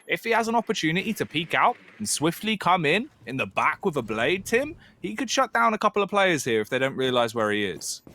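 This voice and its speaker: Bright, animated male esports caster. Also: on the high side, a little fast, few pauses, a little hiss or hum. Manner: colourful, fluent descriptions of the action. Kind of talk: excited esports play-by-play commentary.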